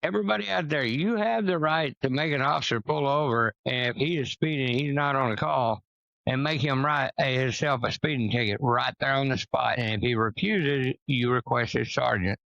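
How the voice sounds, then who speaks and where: A man's voice: medium pitch, moderate pace, gravelly, a bit bright, no room sound. A man in casual, opinionated chat, blunt and preachy, swearing freely. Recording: dull, lo-fi sound.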